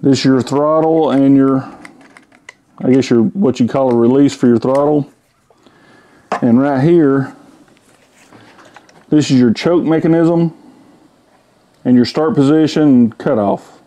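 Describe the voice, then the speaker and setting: A man in his fifties talks through a tool in his home garage, his voice mellow and warm. He rambles in an easygoing, folksy way, pausing on fillers as he goes. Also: mid-range voice, a little hiss or hum. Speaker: tool reviewer. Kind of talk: casual product review. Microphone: camera-mounted mic.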